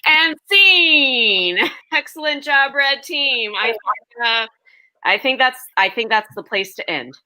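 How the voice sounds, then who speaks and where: A woman's voice: high voice, expressive, slow, sharp tone. A woman refereeing and hosting an online improv comedy match, explaining the rules to viewers over a video call. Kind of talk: lively emcee patter.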